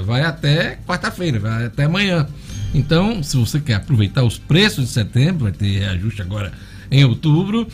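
A man with a Northeastern Brazilian accent, a radio host reading a hard-sell ad with emphatic repetition of the offers. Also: mid-range voice. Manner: emphatic, repeats key offers.

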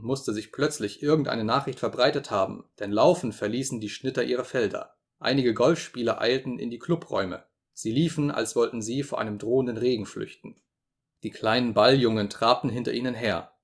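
A man narrating an audiobook in a measured, dramatic reading style. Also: mid-range voice. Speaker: audiobook reader.

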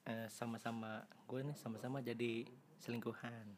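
A man's voice: mid-range voice, flat delivery, normal speed, crowd noise. A young man, speaking through a voice changer as a guest in a casual confessional chat, hesitant and full of fillers and restarts. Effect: voice changer disguising his voice. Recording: noisy recording.

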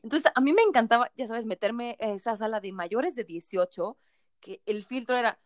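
A woman's voice: on the high side, normal speed, no echo. A woman in her thirties with a Mexican accent, a tipsy podcast co-host telling frank stories with playful quoted voices. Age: 30s. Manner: animated, frank storytelling with playful put-on quotes. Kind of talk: casual chat.

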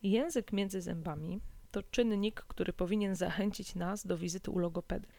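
A woman hosting an informative podcast, explaining calmly and steadily. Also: mid-range voice, moderate pace, no echo. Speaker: podcast host.

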